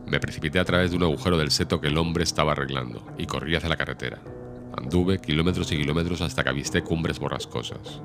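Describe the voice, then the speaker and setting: Very deep-voiced man narrating an audiobook. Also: fast talker. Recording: music behind the reading.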